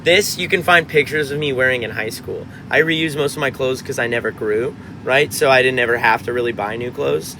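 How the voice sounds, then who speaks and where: A man's voice: mid-range voice, brisk, hardly any pauses, sharp tone, slight background noise. A man in his twenties, a musician chatting casually on a livestream, reading out comments and rambling with frequent restarts. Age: 20s.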